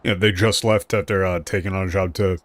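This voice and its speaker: A man's voice: low-pitched, steady tone, a little fast. A man streaming a video game, chatting casually and loosely paraphrasing the characters' lines as he plays. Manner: chatty, thinking aloud, loosely paraphrasing dialogue. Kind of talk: casual let's-play commentary.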